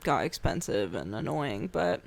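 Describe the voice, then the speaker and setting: A woman's voice: extremely low pitch, big pitch swings, measured pace, creaky. A woman in her twenties co-hosting a podcast, chatting casually with a friend, tired after a late night and laughing often. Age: 20s. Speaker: podcast co-host. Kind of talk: casual chat.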